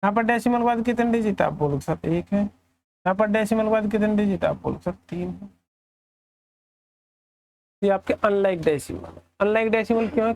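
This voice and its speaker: A male maths teacher with an Indian accent. He asks the class questions and answers them himself, dropping lower and softer on the students' replies.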